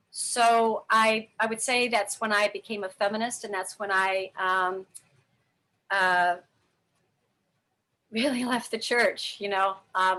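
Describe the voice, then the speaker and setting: A middle-aged woman, the guest in an interview, tells her life story frankly and earnestly, rambling with many fillers and restarts. Her mid-range voice sounds pushed and bright.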